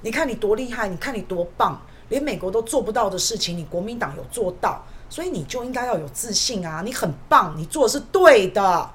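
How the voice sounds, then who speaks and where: A woman's voice: medium pitch, expressive, a little fast, few pauses, a little hiss or hum. A woman hosts a political commentary podcast, delivering an emphatic monologue full of rhetorical questions.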